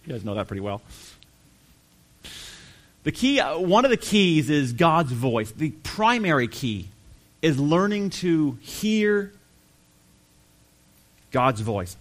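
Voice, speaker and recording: A man preaching a sermon, earnest and emphatic, slowing down to stress key phrases. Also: medium pitch. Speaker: pastor.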